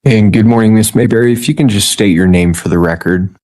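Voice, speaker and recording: Man, judge, deep voice, measured and procedural, courtroom recording. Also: a little mellow.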